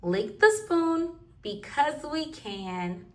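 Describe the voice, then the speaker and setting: A woman's voice: high voice, big pitch swings, very slow, darkish tone, a little hiss or hum. A woman reading rhyming picture books aloud to toddlers in a sing-song, rhythmic way. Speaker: children's book reader.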